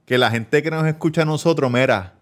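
A man's voice: fairly high pitch, fairly quick, noisy background. Joking Puerto Rican man hosting a podcast. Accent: Puerto Rican Spanish. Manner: loud, joking, teasing. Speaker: podcast co-host. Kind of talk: casual crude banter. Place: barbershop.

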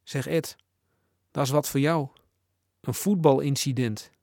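A man voicing a jovial, middle-aged father who teases his son in a storybook reading, a bit higher and louder than his narration. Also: a little slow, vocal fry, dry recording, clean studio sound. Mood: casual. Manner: teasing, chuckling.

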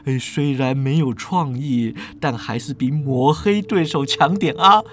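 A storyteller voicing a smug mad-scientist professor with a slow, sarcastic drawl. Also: medium pitch, a little hiss or hum, close to an everyday voice.

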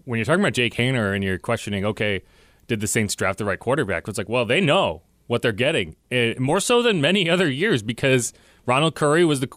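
A man's voice: medium pitch, fairly bright tone, dry recording. A man hosting a sports podcast, breaking down players in a chatty, analytical way and often checking in with "right?". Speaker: podcast host. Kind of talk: casual sports talk.

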